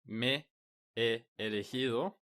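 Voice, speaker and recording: A man talks very slowly in a language that is not his first, stopping to hunt for words and restarting them. His tone is bright and clear, the easy chat of a podcast host over a video call. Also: mid-range voice. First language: not Spanish. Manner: hesitant, searching for words with many restarts. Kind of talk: casual conversation in a learned language.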